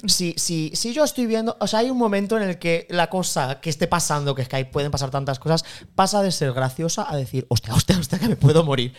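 A man from with a slightly high voice talks in a podcast chat. He tells his stories in an animated, joking way. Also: fairly quick. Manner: animated, jokey storyteller. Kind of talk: casual chat.

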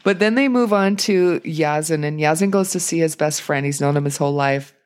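A young woman talks casually with a friend, walking through what happened on a reality show. She keeps it chatty and animated, and her voice sits a little low. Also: a little fast, smooth. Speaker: podcast co-host recapping reality TV. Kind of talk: casual chat.

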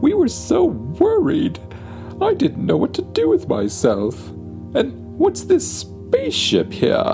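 Man doing a shrill falsetto flustered mother. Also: wildly swooping pitch, takes it slowly, gravelly, a little mellow, soft background music, exaggerated voice. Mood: worried, baffled. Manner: fretful, exclaiming in falsetto. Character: flustered, worried mother in a children's story.

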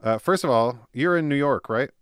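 A man hosts a casual podcast interview, chatting with plenty of fillers and little laughs. His voice sits at an ordinary pitch. The sound is dry, with no room echo. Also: moderate pace, clean tone. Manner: chatty, laughs often, many fillers and restarts. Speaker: podcast host.

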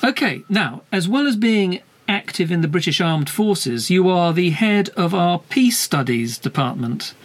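A man's voice: high voice, expressive, measured pace, few pauses, exaggerated voice. A man playing a polite, slightly hesitant and anxious podcast host in a comedy interview. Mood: bemused.

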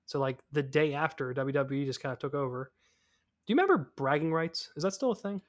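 A man co-hosts a casual podcast, his voice sitting a little high. He is excitable and laughs easily. He loves to bring up trivia. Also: brisk. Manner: excitable, laughs often, shares fun facts. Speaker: podcast co-host. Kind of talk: casual chat.

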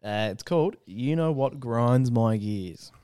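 Brash co-host, dark, warm tone, dry close recording, swears freely. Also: male voice, mid-range voice, animated, measured pace, clear, resonant tone, dry recording. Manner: loud, swearing, laughs often. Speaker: podcast co-host. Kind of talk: crude casual banter. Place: house.

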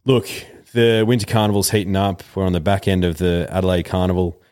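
A man's voice: low-pitched, little pitch movement, brisk, a little mellow. An Australian man co-hosting a podcast in a casual, tongue-in-cheek, blokey way. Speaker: podcast co-host. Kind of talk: casual chat with sponsor plugs.

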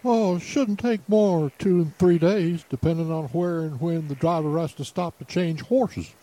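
A man's voice: on the high side, normal speed, mellow, natural voice, low-quality recording. A man playing a friendly young Western wagon driver who speaks cheerfully.

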